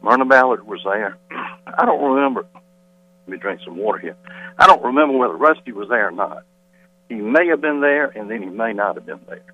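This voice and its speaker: A man speaks over a thin, tinny telephone line with a faint mains hum behind him. His voice sits low and a little husky, and he sounds slightly out of breath. He stays firm and insistent as he rebuts claims one point after another. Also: expressive, normal speed. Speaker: school board member calling in as guest. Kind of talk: phone-in radio interview. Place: quiet hallway off a meeting.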